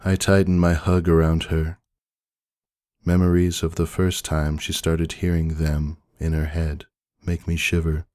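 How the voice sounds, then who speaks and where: Very deep, flat-voiced male narrator. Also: measured pace, no echo, studio quality. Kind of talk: dramatic reading of fan fiction.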